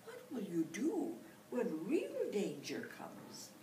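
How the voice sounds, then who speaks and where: A woman voicing a caring mother possum in a storybook, gentle and motherly. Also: medium pitch, huge pitch swings, slow pace, background noise, pitched above the performer's own voice. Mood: coaxing. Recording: roomy, distant mic.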